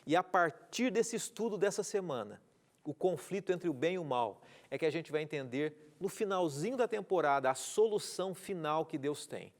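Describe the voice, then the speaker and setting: A man's voice: a little high, expressive, moderate pace. A man with a Brazilian Portuguese accent, a pastor teaching a Bible study on a TV program, earnest and repeating key words, asking rhetorical questions and reading out viewer messages. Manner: reads out viewer messages with greetings. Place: TV studio.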